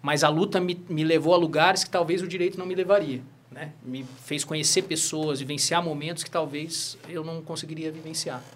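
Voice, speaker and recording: There's slight background noise as a thirtysomething Brazilian man, a lawyer and jiu-jitsu teacher, speaks fairly quickly in a somewhat high voice with few pauses. He's an animated storyteller in a casual interview, forever asking "né?"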